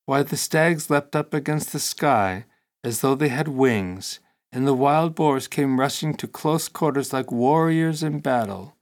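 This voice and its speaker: A man's voice: medium pitch, measured pace, natural voice. Cyrus, an eager boy prince, read by a man. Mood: enthusiastic.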